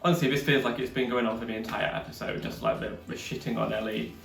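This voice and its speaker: A man's voice: mid-range voice, fairly even intonation, fast talker, creaky, fairly bright tone, slight background noise. A man co-hosting a casual review chat, frank and given to swearing, making his points at length. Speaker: podcast co-host. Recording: echoey room, distant mic, faint music.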